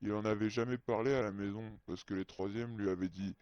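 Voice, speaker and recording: A man's voice: on the low side, fairly even intonation, fairly quick, smooth, no echo. A man whose voice is disguised with a voice changer, telling a personal story in a hesitant, childlike way. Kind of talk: halting first-person storytelling. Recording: dry, muffled lo-fi sound.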